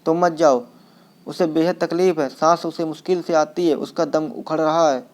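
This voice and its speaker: A man's voice: a little high, fairly even intonation, normal speed, natural voice. A man reading as an anguished young husband.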